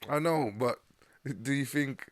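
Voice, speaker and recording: A young man, relaxed and teasing in casual podcast chat. He giggles through his lines and keeps saying "bro." His mid pitch sits close in a dry, dead room. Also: measured pace, dry recording. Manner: laid-back, teasing, giggles mid-sentence, says "bro" constantly. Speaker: podcast co-host.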